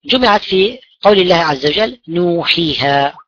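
A man's voice: fairly high pitch, moderate pace, fairly bright tone, breathy edge, highs cut off. A man teaching a class in a classroom-lesson style. He asks his students questions and then answers them himself. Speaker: religion teacher. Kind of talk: classroom lesson on Quran recitation rules.

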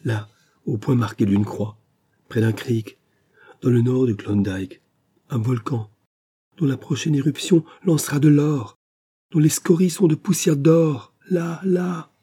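A man's voice: mid-range voice, steady tone, unhurried, dark tone, breathy edge, voice pushed up. A man voicing a dying young prospector who pleads urgently in a weakening voice. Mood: fervent, fading. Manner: weak, urgent, rising to fevered pleading. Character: dying young male prospector, feverish and insistent.

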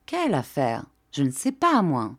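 A woman's voice: low voice, huge pitch swings, unhurried, heavily acted. A woman voicing an irritable elderly aristocratic father who speaks curtly and impatiently. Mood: indignant. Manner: curt, impatient.

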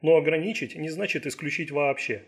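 A man's voice: a little high, brisk, breathy edge. A man voicing an irritable, stubborn male criminalist in an audiobook thriller. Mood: demanding. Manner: snapping, pleading.

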